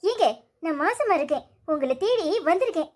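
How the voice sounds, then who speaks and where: A hurt, pleading young wife in a cartoon story, voiced by a woman. She sits very high and thin in pitch and keeps pressing her husband with reproachful questions. Her tone stays wounded and insistent. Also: expressive, moderate pace, a little mellow.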